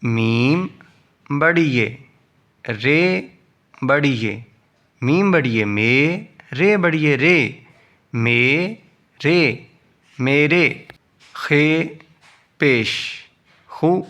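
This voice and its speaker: Male teacher, slow syllable-by-syllable phonics reading for young pupils. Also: on the high side, lively intonation, fairly bright tone. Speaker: Urdu teacher. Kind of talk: slow phonics reading lesson, spelling out letters.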